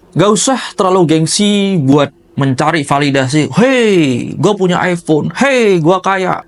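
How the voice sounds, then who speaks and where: Guy ranting at lazy men, kinda high voice, crude, scolding, in your face. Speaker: motivational speaker. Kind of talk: blunt motivational rant.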